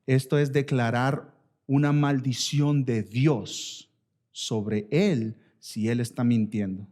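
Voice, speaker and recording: A male pastor preaching a sermon, swinging from emphatic high lines down to hushed, slow ones and calling his listeners brothers. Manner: rises to emphatic highs, then drops to hushed, slow lines; addresses listeners as brother and sisters.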